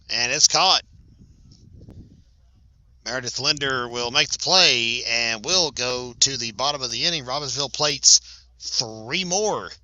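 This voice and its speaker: A man calls a small-town softball game with a very bright, forceful voice. He talks in a chatty way and corrects himself as he goes. The sound is dry and close, with almost no room around it. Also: medium pitch, dry recording, rough recording. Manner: chatty, self-correcting, laughs at big plays. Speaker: play-by-play announcer. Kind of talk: sports commentary. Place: at a high school softball field.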